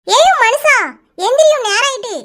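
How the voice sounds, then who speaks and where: A woman's voice: extremely high pitch, a little fast, bright, forceful tone, slight background noise. A woman voicing a kindly, bossy middle-aged village woman in a cartoon, fussing affectionately, with a Kanyakumari Tamil accent. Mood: bustling. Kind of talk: cartoon voice acting.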